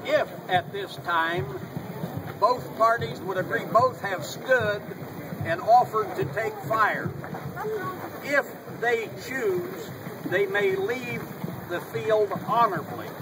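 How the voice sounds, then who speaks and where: A man narrating a historical reenactment in a formal, deliberate manner with old-fashioned phrasing, explaining things to an audience. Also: high voice, distant mic. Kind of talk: explaining to an audience, in period character. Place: outdoors at a public event. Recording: noisy outdoor recording with loud ambient noise.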